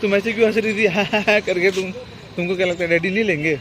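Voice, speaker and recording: A man's voice: high-pitched, fairly even intonation, fast. Young father coaxing his toddler outdoors. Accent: Hindi-Urdu from western Uttar Pradesh. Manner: coaxing, gentle, playful with a small child. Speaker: vlogger and father. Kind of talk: casual vlog, talking to his toddler. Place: outdoors by a street market. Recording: outdoor phone recording with loud street noise.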